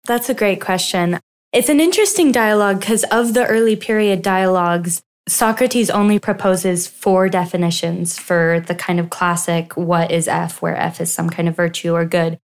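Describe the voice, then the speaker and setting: A young woman, a doctoral researcher, giving articulate, animated answers in an interview. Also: fairly low pitch, moderate pace. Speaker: guest, philosophy doctoral researcher.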